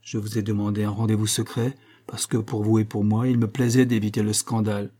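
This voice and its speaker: A man's voice: lowish voice, flat delivery, brisk, mellow, lightly acted. A man reading the part of a bitter, middle-aged husband come back after being thought dead, speaking in a hard, commanding and cynical way. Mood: imperious. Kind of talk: audiobook character reading.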